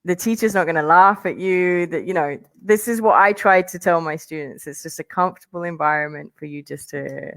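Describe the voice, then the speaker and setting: A woman's voice: on the low side, a little fast, hardly any pauses, a bit bright, no room sound. A woman from London, with part of her childhood in Colombia, speaking with a neutral accent that is hard to place. She is an online English teacher talking as an interview guest over a video call, chatty and encouraging, and she laughs easily. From London, with childhood partly in Colombia. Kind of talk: casual interview. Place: home near Toronto.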